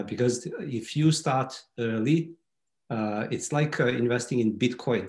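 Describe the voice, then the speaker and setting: A man's voice: on the low side, darkish tone. A man in his forties from Serbia, a native Serbian speaker, giving a webinar talk over a video call with many hesitant fillers. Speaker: guest speaker. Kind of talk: webinar presentation. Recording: roomy echo.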